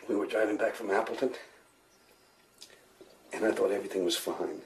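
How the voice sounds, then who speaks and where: An actor playing a shaken husband who gives a halting, defensive account of his wife leaving. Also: lowish voice, fairly even intonation, a little hiss or hum, lightly acted. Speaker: husband of the missing woman. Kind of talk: film drama.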